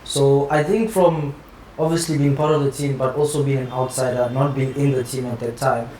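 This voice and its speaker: A South African man, a football player, talking casually in a relaxed, unhurried way. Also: mid-range voice, slight background noise. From Johannesburg, South Africa. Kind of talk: casual chat. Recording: roomy echo.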